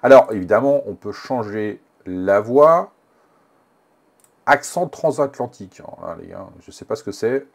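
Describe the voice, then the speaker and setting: A man presenting a casual software tutorial, thinking aloud with many fillers and restarts. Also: on the low side, animated, a little slow, gravelly.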